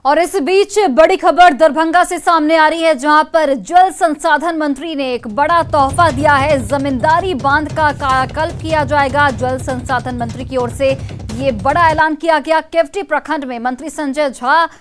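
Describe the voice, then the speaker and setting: A woman news anchor with a high voice delivers breaking news at a moderate pace, urgent and emphatic, repeating key phrases. News music plays as a bed beneath her.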